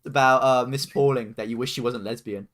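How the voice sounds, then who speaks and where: A young man co-hosting a casual podcast chat, excitable and teasing, laughing often. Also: mid-range voice, brisk.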